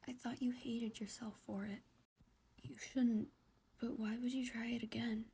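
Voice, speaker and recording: Woman whispering as a gentle teenage boyfriend, whispered role-play. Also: fairly high pitch, level tone, unhurried, creaky, slightly rough, exaggerated voice. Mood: tender. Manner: soft, soothing, reassuring.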